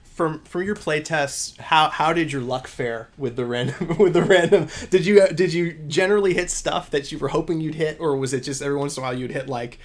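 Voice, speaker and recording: A man co-hosting a game studio stream in a casual, relaxed, chatty way. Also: on the high side, a little fast. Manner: relaxed, chatty, laughs often. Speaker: stream co-host.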